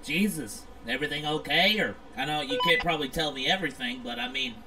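A man chats politely and casually in character in an online game. His voice runs a little high with some fry in it, and there is clear noise behind him. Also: very animated, fast talker, pushed and bright, low-quality recording. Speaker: player acting as a pizzeria owner.

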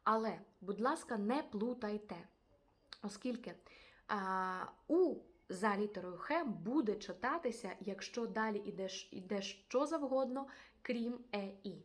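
A woman's voice: mid-range voice, lively intonation, unhurried. A woman with a Ukrainian accent teaching a language lesson, patiently saying each example word twice. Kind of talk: video lesson.

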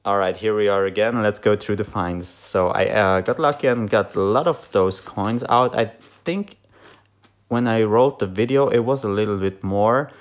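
A man's voice: on the low side, moderate pace. A man hosting a treasure-hunting vlog, talking casually in a hesitant, unscripted, rambling way. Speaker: treasure-hunting video host.

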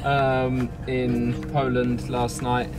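A cheerful young British man chats to camera as he drives, his voice of middling pitch and relaxed. Loud music plays behind him. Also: extremely slow. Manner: cheerful, easygoing, narrating to camera. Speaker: vlogger. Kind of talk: casual travel vlog chat. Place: inside a van cab, driving.

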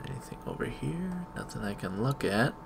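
A man's voice: medium pitch, big pitch swings, normal speed, creaky, noisy background. A man giving casual let's-play commentary, muttering to himself with mild exclamations as he plays a video game. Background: video game sound.

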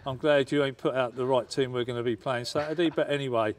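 A man's voice: medium pitch, fairly even intonation, fast talker. A man, a club media interviewer asking chatty, informal questions after a match. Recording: noisy outdoor stadium at night.

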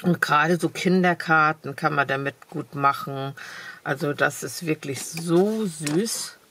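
Speaking slowly in a low, fairly bright voice, a woman with a cold chats enthusiastically and casually, dropping in plenty of fillers. She's a crafting vlogger doing a haul video at her desk, filmed from overhead so only her hands appear.

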